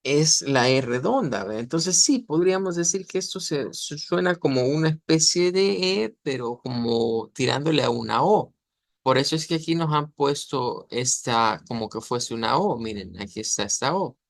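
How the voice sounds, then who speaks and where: A man teaching German pronunciation in a lesson, explaining step by step and slowly sounding out words. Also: mid-range voice, expressive, dry recording.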